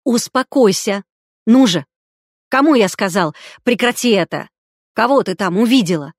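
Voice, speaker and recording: A woman's voice: mid-range voice, normal speed, dry recording, clean studio sound, natural voice. A woman reader playing an angry grown man who barks short commands and roars at his sister. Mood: furious. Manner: barked commands, roaring.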